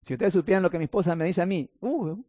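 High-voiced male pastor preaching. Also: fast talker, mellow, no room sound. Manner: reads scripture then explains it, with playful asides to the congregation. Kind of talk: sermon.

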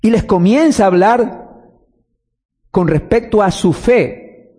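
Man, sermon delivery; high-pitched and animated, teaching tone, reverberant hall sound. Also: slow, husky. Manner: teaching, quotes scripture, asks and answers own questions. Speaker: preacher.

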